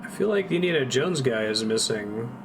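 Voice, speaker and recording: Male gaming host, dry casual asides, gravelly fry, faint game ambience behind him. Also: mid-range voice, lively intonation, brisk, noisy background. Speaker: gaming host playing blind.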